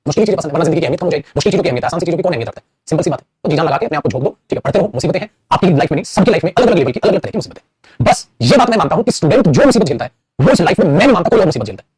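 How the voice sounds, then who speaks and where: A young man lectures an English grammar class, his husky voice leaping up and down in a lively way. He rattles on at a racing pace and calls his students beta and bhai. The sound is dry and close. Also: fairly high pitch, rapid-fire, dry recording. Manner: animated, addresses students as beta and bhai, playful acted asides.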